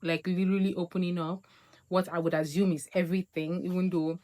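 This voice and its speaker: A young woman vlogger from Nigeria telling a casual storytime monologue, acting out quoted lines with big jumps in her voice. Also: a little fast. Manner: animated, acts out quotes with big pitch jumps.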